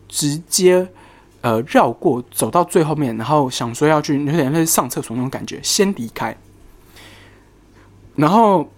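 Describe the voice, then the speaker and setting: Animated speaker with a lively, swooping voice. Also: mid-range voice. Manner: animated, exclamatory, mixes in English words and curses. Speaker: HR worker telling a work story. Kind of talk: casual storytelling vlog.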